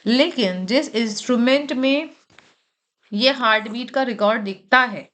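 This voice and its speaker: Woman, teacher, higher voice, exam-prep vocabulary lecture, Hindi mixed with English, repeats key words, asks and answers own questions. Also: a little slow, fairly bright tone. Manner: mixes Hindi with English terms.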